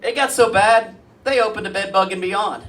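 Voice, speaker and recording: A man doing a stand-up comedy set with deadpan one-liners and crude jokes, on a comedy club stage. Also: high-pitched, moderate pace. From Springfield, US. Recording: live club mic heard from a distance, light noise.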